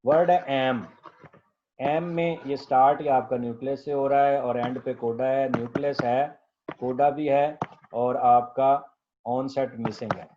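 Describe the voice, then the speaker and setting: A middle-aged male professor giving a classroom lecture, slow and patient, checking often that students follow and dictating definitions word by word. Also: mid-range voice, fairly even intonation, noisy background. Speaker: professor teaching linguistics. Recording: dull lo-fi classroom recording.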